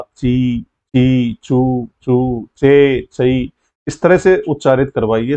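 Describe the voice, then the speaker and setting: A man's voice: medium pitch, darkish tone, dull audio. A male teacher patiently explaining a lesson step by step, often repeating key points.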